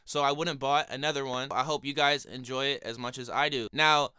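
A young man with a cold and a higher-pitched voice reviews a microphone in his small home studio, talking a little fast into a studio condenser mic on a stand in front of him. He's a music producer making a casual product review vlog, relaxed and chatty as he addresses viewers directly. The tone is clean, with no echo.

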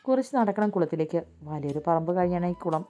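A woman narrating an audiobook love story in a steady storytelling manner. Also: on the low side, fast.

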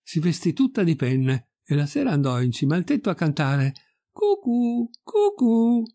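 Expressive male storyteller. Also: a little high, a little fast, no echo, studio quality. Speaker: reader. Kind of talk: fairy tale reading.

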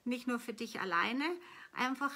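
Answering questions from viewers, a middle-aged manifestation coach gives an earnest, flowing spiritual talk and repeats phrases for emphasis. Her voice is slightly high and sharp in tone. She speaks at a moderate pace.

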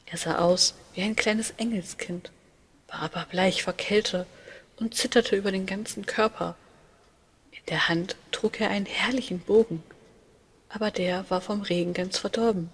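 A woman reading a fairy tale aloud in a calm, hushed voice that often drops to a whisper. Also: mid-range voice, moderate pace, slightly rough. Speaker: storyteller.

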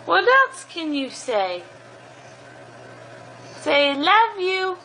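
A young mother speaks in a high, bright voice, drawing out each word slowly as she coaxes her little ones to repeat after her. Her talk is sing-song baby talk, now and then breaking into playful animal noises. A faint background hiss sits under the voice. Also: big pitch swings, poor audio. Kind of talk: coaxing toddlers to repeat words at home.

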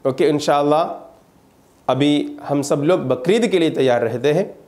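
Guy teaching quran letters real slow, kinda high voice, says every sound like three times. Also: darkish tone. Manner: patient, repeats each letter sound several times. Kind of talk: slow beginner lesson with demonstrated sounds.

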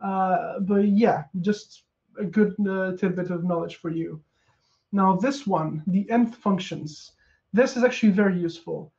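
Talking a little slowly, with vocal fry in his high, mellow, warm voice, a Portuguese conference speaker in his thirties gives a laid-back technical talk from a small room at home over a headset. Ums and uhs fill his pauses, and the audio is dull and lo-fi, like a video call.

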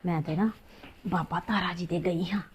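A woman's voice: fairly low pitch, fairly even intonation, a crowd in the background, lightly acted. An actress playing a scheming middle-aged mother, with a Punjabi accent, speaking defensively and evasively. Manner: defensive, talks fast and evasive. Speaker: mother in a family drama. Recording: dull lo-fi sound.

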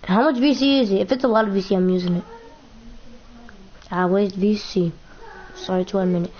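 A woman's voice: mid-range voice, steady tone, fairly quick, muffled recording. A young woman talking casually over her basketball video game, chatting in a playful way and often repeating herself. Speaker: gaming YouTuber. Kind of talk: casual gameplay commentary.

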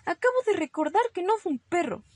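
A woman's voice: very animated, a little fast, a little mellow, no echo. A woman voicing a little boy rabbit who fibs, stammering and pleading in a storybook read-aloud. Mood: panicked. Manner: stammering, pleading and high-pitched. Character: fibbing little boy bunny, guilty and nervous.

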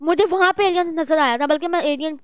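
A woman chatters through horror gameplay in a high, bright register. She is excitable and jittery, bursting into loud exclamations as she plays. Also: quick pace, dry recording. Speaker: gaming vlogger. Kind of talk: Roblox horror gameplay commentary.

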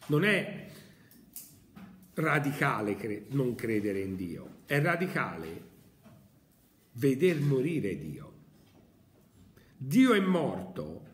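A male teacher delivers a philosophy lecture with theatrical emphasis and rhetorical questions. His pitch moves in lively swings. The recording has an echoey room sound. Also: a little hiss or hum.

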